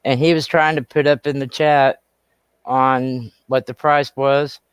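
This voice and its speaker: A man with a smooth, flat voice talks in casual live-stream chat. He rambles and stutters, restarting his sentences as he goes. The sound is dry and close. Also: medium pitch, a little slow, no room sound.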